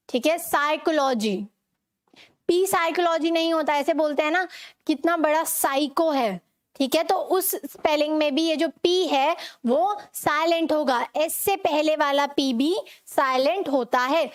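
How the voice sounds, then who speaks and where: A young woman with an Indian accent teaching English pronunciation in an online lesson. She mixes Hindi and English, asks her learners questions and then repeats the answer. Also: high-pitched.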